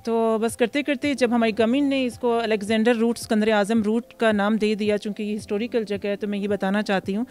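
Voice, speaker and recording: A woman in her thirties from Pakistan, a restaurant founder answering interview questions outdoors into a handheld mic, pausing often with fillers. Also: on the high side, steady tone, darkish tone. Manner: hesitant, many fillers, mixes English words. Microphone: handheld mic held by interviewer.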